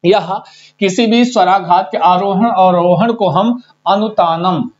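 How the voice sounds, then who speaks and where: A man's voice: sits high, slow. A man teaching a live online exam-prep class, chatty and teasing, reading out students' answers. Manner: chatty, teasing, reads students' chat aloud. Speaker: Sanskrit teacher. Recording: dull lo-fi stream audio.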